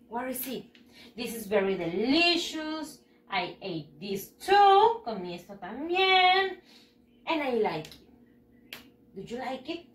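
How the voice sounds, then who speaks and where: Woman teacher, high animated voice, unhurried, echoey room. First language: Spanish. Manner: drills words, cheerful praise, switches between Spanish and English. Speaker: first grade English teacher. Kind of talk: bilingual lesson to children.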